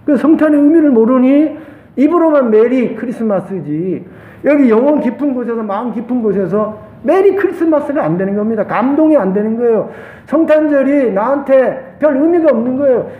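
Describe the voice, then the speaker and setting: A male pastor with a Gyeongsang accent preaching a sermon with passion, his voice swinging between loud highs and hushed lows. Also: lively intonation, moderate pace. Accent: Gyeongsang Korean. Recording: echoey church room, tinny phone-like sound.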